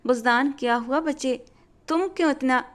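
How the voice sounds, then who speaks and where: A woman's voice: high voice, normal speed, close to an everyday voice. A woman voicing a worried, scolding mother. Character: worried middle-aged mother figure, scolding.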